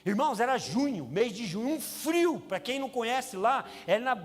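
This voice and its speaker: Brazilian pastor guy, really high voice, sermon story in a big echoey church, faint music under it. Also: sing-song, normal speed. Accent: Brazilian Portuguese. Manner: storytelling, acts out quoted voices with raised pitch. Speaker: pastor, prison chaplain. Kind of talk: sermon testimony. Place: church sanctuary. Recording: reverberant church hall with music.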